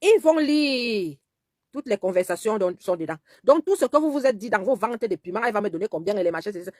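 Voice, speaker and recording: A woman delivers an angry personal video monologue directly to her audience, indignant and insistent, repeating phrases and sometimes imitating another woman's pleading voice. Her mid-range voice races along with lively intonation. The sound is studio quality with no room noise.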